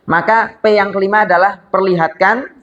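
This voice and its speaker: A man's voice: high-pitched, fairly even intonation, normal speed, fairly bright tone, muffled recording. Upbeat man coaching a storytelling class. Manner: upbeat, coaxing, counts students in. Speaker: storytelling teacher. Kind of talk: workshop lecture with practice drills.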